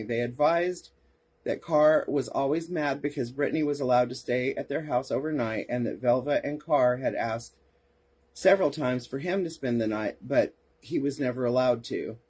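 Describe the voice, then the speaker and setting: Husky man reading case files with sarcasm. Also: medium pitch, a little mellow. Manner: sarcastic asides, answers chat comments. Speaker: podcast host. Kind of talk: reading case reports aloud with live commentary.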